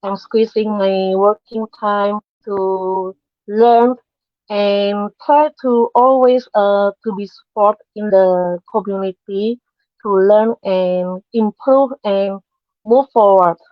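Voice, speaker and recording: A woman's voice: medium pitch, fairly even intonation, slow, no room sound, highs cut off. A woman from Indonesia, talking casually as a guest on a live online panel, hesitant, with many fillers and nonnative grammar. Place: at her workplace.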